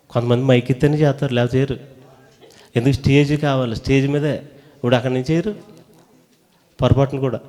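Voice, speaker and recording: A man preaching a sermon in a church hall, pressing the congregation to call back their answers loudly. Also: medium pitch.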